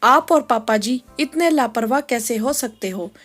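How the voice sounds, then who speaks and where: Woman voicing a sharp young daughter-in-law. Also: fairly high pitch, expressive, a little slow, faint music behind. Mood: sharp, annoyed. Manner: sharp, clipped scolding. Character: young working mother, quick-tempered daughter-in-law.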